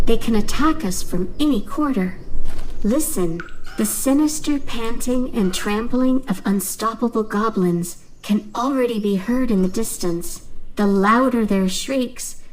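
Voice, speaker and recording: A woman voicing a loyal talking dove who guides the player through a game tutorial in a clear, instructive tone. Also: a little high, a little hiss or hum, poor audio.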